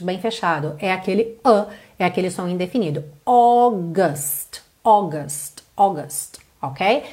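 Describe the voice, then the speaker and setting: A Brazilian woman teaching English pronunciation, explaining quickly and then modeling slow, drawn-out lyric lines, repeating words to demonstrate sounds. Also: mid-range voice.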